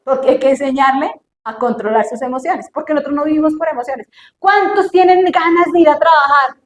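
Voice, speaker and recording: A woman preaching a sermon in an animated way, asking her listeners questions and acting out the voices of the people she quotes. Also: high-pitched, brisk, roomy sound, a little hiss or hum.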